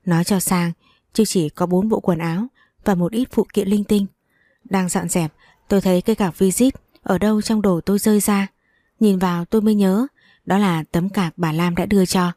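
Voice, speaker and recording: A woman narrating a first-person story in a calm, measured reading voice. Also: mid-range voice, no echo, clean studio sound.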